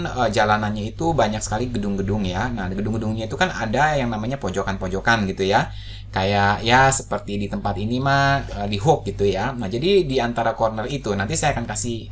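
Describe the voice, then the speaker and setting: A man teaching a casual video lesson, chatty and full of "ya" and "eh" fillers, jumping higher in pitch for example phrases. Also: slight background noise. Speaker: English teacher.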